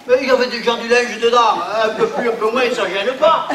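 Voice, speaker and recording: A man's voice: very high-pitched, a little fast. A man acting in an amateur stage comedy, bumbling and adding "hein" to his lines. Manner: bumbling, tacks "hein" onto lines, laughs often. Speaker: stage actor playing a hapless man posing as a Swiss buyer. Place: theatre stage. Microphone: far room mic. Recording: roomy stage sound from far off, audience noise.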